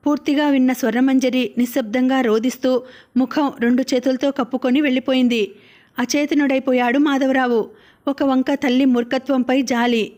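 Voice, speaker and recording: A woman reads a novel aloud in a high voice. She keeps a level, flat delivery with little movement in pitch, reading steadily as an audiobook narrator.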